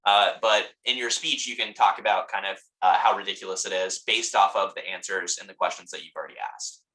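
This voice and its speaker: A man's voice: sits low, a little fast, rough recording. A man, a guest lecturer and debate coach, answering a workshop question at length with many "uh"s and "kind of"s. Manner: steady, fills with "uh" and "kind of". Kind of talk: explaining in a workshop Q&A.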